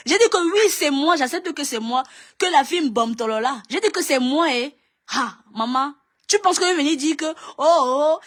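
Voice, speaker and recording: A woman's voice: high-pitched, a bit bright. A woman ranting in a video, scolding and mocking with lots of repetition. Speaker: online commentator.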